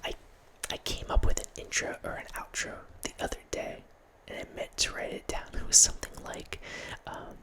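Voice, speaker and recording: This is a whispered ASMR ramble about a horror movie, hosted by a man in his thirties speaking in a soft unvoiced whisper at normal speed with few pauses. He restarts phrases and laughs quietly now and then. Close to a large studio mic and wearing headphones, he records in a small home room, giving an intimate sound.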